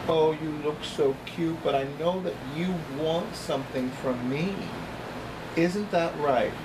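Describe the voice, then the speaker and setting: A middle-aged psychic reader records a casual vlog monologue in a small indoor apartment room by the kitchen. Pitched on the high side, he leans on emphatic, deliberate phrasing and frequent repetition, with background noise present.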